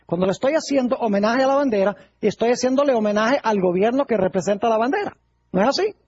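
A man's voice: very high-pitched, expressive, fast talker, a little mellow, breathy edge, muffled recording. A male pastor preaching a sermon, putting rhetorical questions to his congregation.

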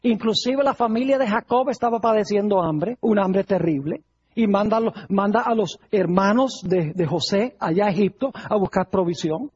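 A preacher delivering a sermon to a congregation, retelling Bible stories as a lively storyteller who acts out the quoted lines. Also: mid-range voice, moderate pace, slightly rough. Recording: dull lo-fi recording.

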